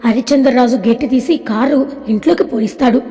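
A woman narrating a family drama story with a steady, plain reading. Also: fairly high pitch, brisk. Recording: long reverb.

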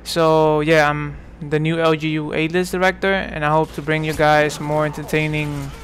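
Over a little hiss or hum, a young New York gamer in his twenties chats loosely through his play, restarting sentences and leaning on fillers. He keeps a level tone at a moderate pace, his voice high-leaning and slightly bright.

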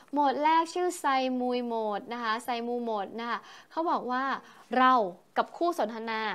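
Female tech presenter, a bit high-pitched, casual and exclamatory. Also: fairly bright tone. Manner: chatty, exclaims often, frequent polite particles. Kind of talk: casual tech product talk.

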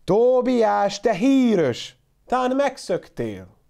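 A man voicing an excitable old shepherd who calls and exclaims loudly in a raised voice. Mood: calling. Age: older. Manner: loud, high-pitched calling and exclaiming.

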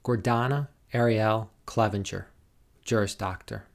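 At a commencement, a man reads out graduates' names one at a time in a lowish, gravelly voice. His tone stays steady and his delivery is very slow and deliberate, with a formal, measured rhythm.

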